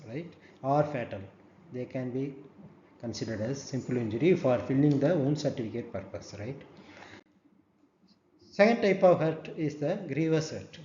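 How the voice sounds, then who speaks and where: A man giving a recorded lecture, explaining step by step, often checking with "right?" and pausing on fillers. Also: medium pitch, dark tone. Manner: many "uh" fillers. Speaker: forensic medicine lecturer. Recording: dull echoey room recording, faint hum.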